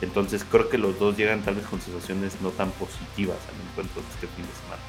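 Guy talking sports analysis, lowish voice, kinda feels for his words, light music under. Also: flat delivery, brisk, low-quality recording. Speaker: sports commentator.

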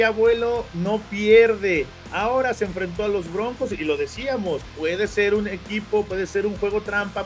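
Bright, high-voiced male sports show host. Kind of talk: lively sports talk presenting.

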